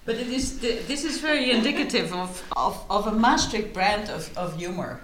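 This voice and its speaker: A woman's voice: mid-range voice, lively intonation, normal speed, a bit bright, a little hiss or hum. A woman in casual chat who speaks emphatically and teases the others. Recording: echoey room with a crowd behind.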